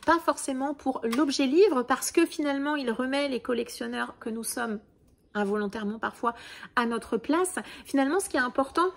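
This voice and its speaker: Chatty woman reviewing books. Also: high voice. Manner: chatty, with frequent fillers and restarts. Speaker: book vlogger. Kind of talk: casual book review monologue.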